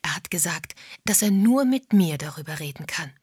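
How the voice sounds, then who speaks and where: A woman reading an audiobook, voicing a timid, tearful wife who talks in a wistful, hushed way. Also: lowish voice, expressive, moderate pace, husky, dry recording, clean studio sound. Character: timid, tearful middle-aged village wife.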